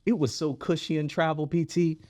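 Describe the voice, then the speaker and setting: A podcast guest who is a physical therapist and business founder tells his story in a conversational way, leaning on key words and often checking in with "right?". His voice sits fairly high, with flat delivery and a slightly mellow quality, and he talks a little fast. The recording is dry.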